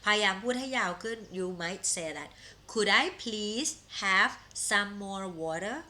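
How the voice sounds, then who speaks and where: A Thai-accented woman teaching English phrases in a live-streamed lesson, modelling each phrase slowly and carefully between quick explanations. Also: medium pitch, pushed and bright. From Thailand.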